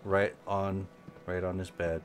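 A man giving casual commentary over a video game, halting and repeating his words with frequent ums. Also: low-pitched, flat delivery, faint music behind. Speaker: gaming channel host.

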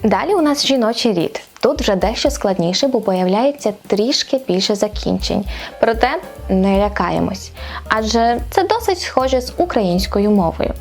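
A woman's voice: medium pitch, animated, moderate pace, darkish tone, faint music behind. A woman language teacher giving an online video lesson in a playful, upbeat way, teasing her viewers with rhetorical questions.

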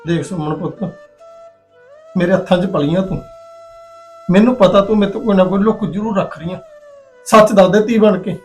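An actor playing a worried older village father who pleads gently with his daughter, speaking Punjabi with a local accent. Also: high-pitched, brisk, long pauses, close to an everyday voice. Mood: pleading. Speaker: father-in-law, father of the bride. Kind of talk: short film drama acting. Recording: roomy sound with soft music behind.

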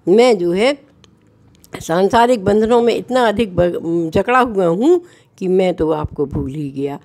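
A woman's voice: mid-range voice, animated, measured pace, a little mellow. A woman voicing a remorseful older merchant who tearfully begs forgiveness in a devotional story. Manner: tearful pleading apology.

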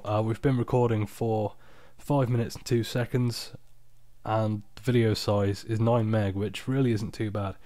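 Low-voiced man narrating a screen recording. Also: a little mellow, no echo. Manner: informal, unpolished, off-the-cuff explaining. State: tired. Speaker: software tutorial presenter. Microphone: external microphone, close and dry.

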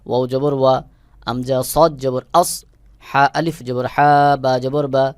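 In a clean, dry studio recording, a man speaks at a medium pitch with a steady, smooth tone and no rush. He teaches Quran reading slowly, syllable by syllable, naming each letter and its vowel and then joining them into the word.

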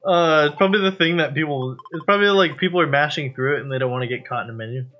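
A man's voice: a little high, very fast, highs cut off, a little hiss or hum. A young man casually joking and swearing while co-hosting a video game playthrough. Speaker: let's play co-host. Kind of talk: casual gaming commentary.

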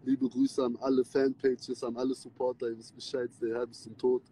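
The man's mid-range voice stays level at a moderate pace as he casually livestreams with fans from a taxi's back seat at night. A rapper, he talks in relaxed slang that slides from loud to mumbled. Poor phone audio with car noise comes from a close-held phone on the front camera.

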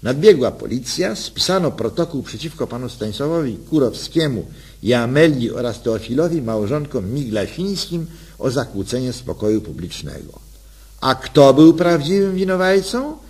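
A man's voice: medium pitch, sing-song, normal speed, darkish tone, breathy edge. A man reading a humorous short story with ironic, playful storytelling. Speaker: narrator.

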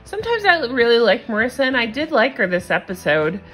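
A woman's voice: fairly high pitch, sing-song, fairly quick, fairly bright tone, faint music behind. A woman with a standard American accent giving a casual, gossipy, opinionated recap of a reality show. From United States. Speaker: TV recap host.

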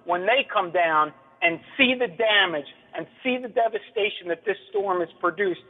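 A man's voice: high-pitched, moderate pace. A man calling in to a radio show over a phone line, complaining angrily and urgently. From New Jersey. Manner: angry, urgent, indignant complaint.

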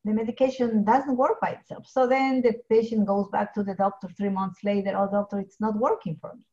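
A woman's voice: medium pitch, steady tone, brisk, mellow. Earnest woman on dull call. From Ecuador. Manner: earnest, many restarts and fillers. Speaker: pharmacist guest. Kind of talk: video call interview. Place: home office with bookshelves. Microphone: video call. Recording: dull lo-fi video call audio.

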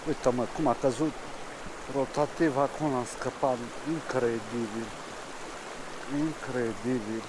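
A man, fishing on a mountain stream and giving casual commentary. He mostly mutters to himself, then speaks up to the camera. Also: medium pitch. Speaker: fishing vlogger. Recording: rushing stream noise behind.

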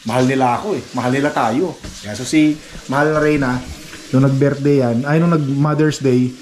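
A man's voice: medium pitch, steady tone, moderate pace, darkish tone. A man from the Philippines, chatting to his viewers in a playful, boastful, joking way, often breaking into laughter. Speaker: vlogger. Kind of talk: casual home vlog chat. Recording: faint background noise.

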